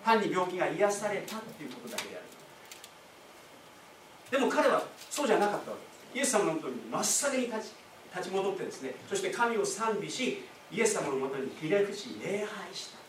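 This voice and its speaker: A man's voice: sits high, big pitch swings, fairly quick, far from the mic, slight background noise. A man preaching a sermon as pastor, explaining in a conversational way with asides and rhetorical questions. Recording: echoey room, speaker away from the mic.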